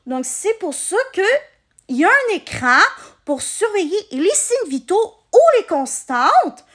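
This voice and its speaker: A woman with a Québécois French accent chats to her vlog viewers in a high voice. Her pitch moves up and down a lot while the pace stays slow. She explains things casually, halting mid-sentence as she goes. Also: big pitch swings, fairly bright tone. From Quebec, Canada. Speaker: vlogger. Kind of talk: casual personal storytelling to camera.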